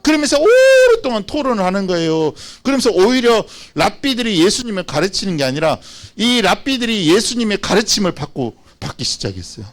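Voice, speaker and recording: Lively guy giving a kids' sermon, fairly high voice, very animated. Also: fairly quick, hardly any pauses. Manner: animated, expressive, addresses children directly. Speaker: children's pastor. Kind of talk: children's sermon storytelling.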